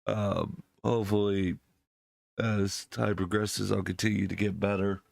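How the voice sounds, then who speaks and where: Sick and sounding deeper for it, this channel host talks to his viewers casually and unhurriedly, stumbling through fillers and restarts. His voice is level in tone and creaky, with no room sound, and the desk mic clips whenever he leans in too close.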